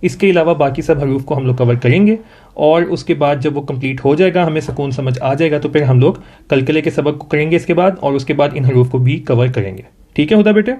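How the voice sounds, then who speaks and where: A man's voice: fairly high pitch, warm tone. Patient Pakistani man tutoring Quran reading. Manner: patient, repeats each sound slowly for the student to echo. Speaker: Quran recitation teacher.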